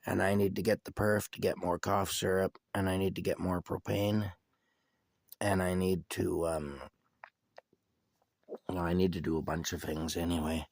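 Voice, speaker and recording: A sick man with a cough, giving a casual, rambling video update from inside his camper, halting and restarting often. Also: deep voice, little pitch movement, gravelly, a little mellow, dry recording. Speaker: vlogger giving a personal update.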